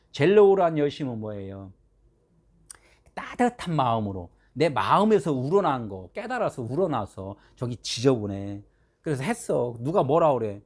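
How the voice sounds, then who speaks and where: A male pastor delivering a conversational sermon, full of rhetorical questions and swinging between loud stresses and soft asides. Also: medium pitch.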